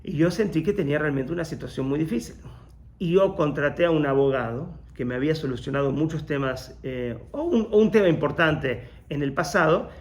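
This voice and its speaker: A rabbi leads a workshop, a man with a slightly high voice who tells his story with energy. He jumps into the voices of the people he quotes, then falls back into a calmer teaching tone. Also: brisk. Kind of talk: personal story in a motivational talk.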